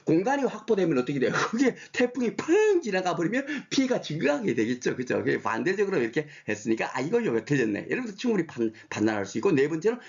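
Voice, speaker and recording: A man lecturing for an exam prep course, his voice a little high and swinging widely up and down. He keeps asking his students questions and checking that they follow. The recording sounds dull and lo-fi. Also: fast, gravelly, hardly any pauses. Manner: animated, rhetorical questions, frequent "그쵸?" check-ins.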